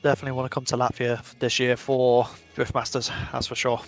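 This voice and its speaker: Over background music, an esports commentator from England gives live, chatty commentary on virtual drift racing in an English accent. His medium-pitched voice moves fast with little pitch movement, and he occasionally stumbles over his words.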